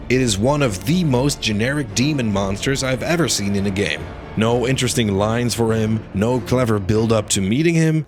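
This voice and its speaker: A man narrating a scripted video game review in an opinionated, critical manner. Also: mid-range voice. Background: faint background music.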